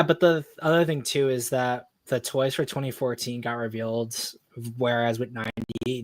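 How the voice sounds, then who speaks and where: A man's voice: medium pitch, no echo. A man on a casual panel podcast, explaining a point at length with a teasing edge.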